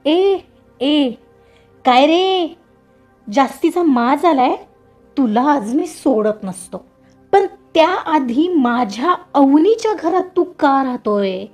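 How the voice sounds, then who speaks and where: A woman's voice: high-pitched, expressive, slow, a little mellow, faint music behind. A woman voicing an arrogant young man who bullies and threatens a rival in a storybook reading, taunting and swaggering.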